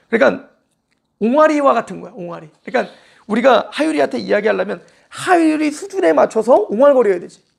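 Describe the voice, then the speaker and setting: A man's voice: very high voice, vocal fry, husky. A male pastor preaching a sermon in a church in a conversational style. He mixes casual and polite speech and acts out quoted lines.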